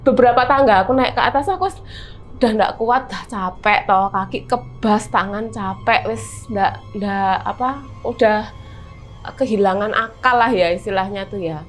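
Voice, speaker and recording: Lively Javanese woman telling a spooky tale. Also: medium pitch, normal speed, soft background music. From Semarang, Central Java, Indonesia. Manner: animated, vivid retelling with many fillers. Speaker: guest telling a personal horror story. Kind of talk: casual storytelling chat.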